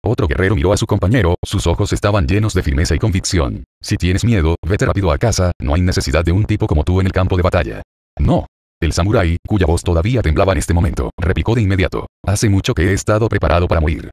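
Male narrator for a serialized novel audiobook: deep voice, quick steady read. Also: no echo. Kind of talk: audiobook reading of a translated web novel.

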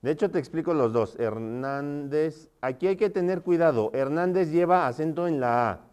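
A man's voice: fairly high pitch, expressive, fairly quick, darkish tone. A man teaching a live online class, often stopping to check that his students are following.

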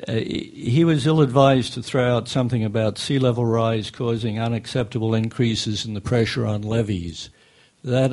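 An older man speaking at a desk microphone in a meeting room, giving a measured, technical public comment with frequent pauses and fillers. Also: fairly low pitch, darkish tone. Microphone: desk microphone on a stand.

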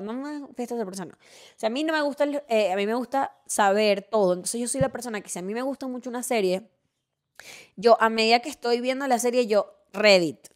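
A woman with a Venezuelan accent, hosting a casual monologue, talking in an animated, opinionated way and rambling through asides and restarts. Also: mid-range voice. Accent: Venezuelan Spanish. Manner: animated, opinionated and playfully ranting; chatty with frequent restarts and asides. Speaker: podcast host.

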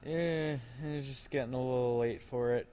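A man's voice: medium pitch, steady tone, moderate pace, darkish tone, smooth. A man talking with a friend in short, laid-back replies. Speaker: friend of the host. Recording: muffled lo-fi sound with faint music.

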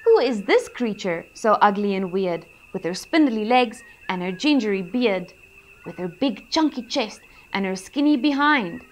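A woman reading a rhyming picture book aloud for children, gentle and expressive. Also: medium pitch, measured pace. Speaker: children's storyteller.

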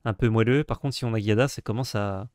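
A man's voice: fairly low pitch, quick pace, darkish tone, no room sound, studio quality. A man co-hosting a casual card-game discussion, talking with many hesitations and restarts. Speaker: co-host.

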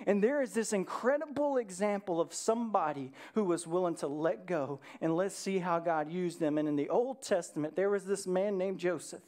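A woman's voice: fairly low pitch, normal speed, hardly any pauses, a little mellow. A woman pastor telling a Bible story in a church sermon, in a conversational, storytelling way, often asking the congregation questions.

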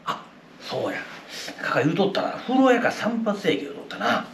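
Man doing a timid Osaka husband, sheepish mutter, animated pitch. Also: brisk, far from the mic, a little hiss or hum. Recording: roomy echoey room.

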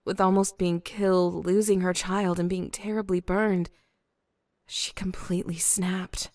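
An actress voicing a young woman investigator in a horror game, explaining the killer's past in a solemn, measured way. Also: lowish voice, little pitch movement, a little mellow, no room sound, studio quality, close to an everyday voice.

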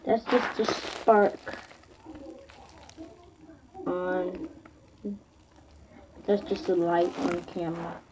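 A woman's voice: lowish voice, fairly even intonation. A woman chewing gum while rambling through casual gameplay commentary on a laptop in a small home office. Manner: rambling, halting, many restarts. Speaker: gaming vlogger. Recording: noisy home recording with clicks.

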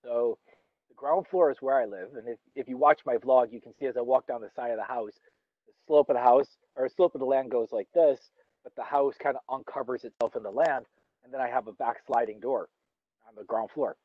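Sitting outdoors under a tree in a yard, a young man vlogs while eating, rambling casually with fillers and restarts. His voice is mid-range and brisk. The audio is phone-quality with no room sound.

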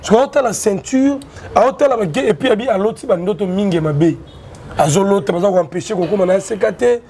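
Interviewer with a high voice. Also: male voice, moderate pace, mellow, slight background noise. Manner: probing questions, addresses guest as papa. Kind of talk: interview mixing French and Lingala.

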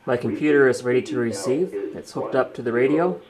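A man's voice: medium pitch, fairly quick, over a noisy crowd. A man presenting a casual hands-on demonstration, explaining each step as he goes. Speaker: exercise participant and presenter. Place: small indoor radio desk. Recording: faint room noise.

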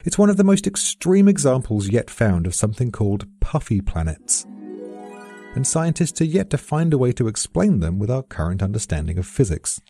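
A man's voice: mid-range voice, very animated, normal speed, dark tone, breathy edge, soft background music. A British man reading a scripted science explainer in a dry, precise, lightly witty way. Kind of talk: scripted narration.

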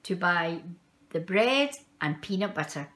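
With a voice on the low side, a woman reads a picture book for kids. She delivers it in an expressive, measured storytelling style, leaning on dramatic emphasis for the young listeners.

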